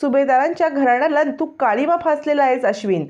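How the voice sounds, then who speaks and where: A woman's voice: sits high, fairly quick, a little mellow, voice pushed up, lightly acted. A woman reading the lines of an elderly grandmother who laments her family's shame. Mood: lamenting. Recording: dull lo-fi recording.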